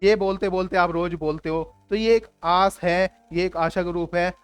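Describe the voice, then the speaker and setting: A man with a high, light voice gives a reflective spiritual explanation straight to his viewers. He talks earnestly, keeps checking that they are following, and slips English phrases into his talk. The sound is close and dry, with faint music underneath. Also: steady tone, normal speed, smooth, no room sound. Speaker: video creator explaining spiritual ideas.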